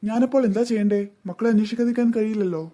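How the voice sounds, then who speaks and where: A man's voice: high-pitched, steady tone, racing, dark tone, close to an everyday voice. Man voicing a worried cartoon father. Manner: anxious, earnest. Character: worried father of two girls.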